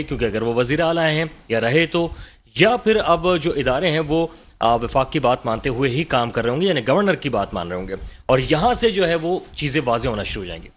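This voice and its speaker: A man hosting a political talk show, asking measured, probing questions. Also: a little high.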